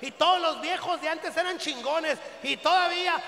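A man with a Mexican accent doing a crude, rowdy stand-up routine for a live crowd, often breaking into shouts. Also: very high voice, moderate pace, vocal fry. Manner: vulgar, rowdy, bursts into shouting. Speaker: stand-up comedian. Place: live show venue at a fair. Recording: echoey live hall with long reverb.

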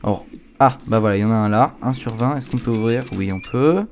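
A man's voice: medium pitch, quick pace. Jumpy male horror game streamer, noisy background. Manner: scared, jumpy gamer reacting aloud. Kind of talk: casual horror game commentary. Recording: clear background noise.

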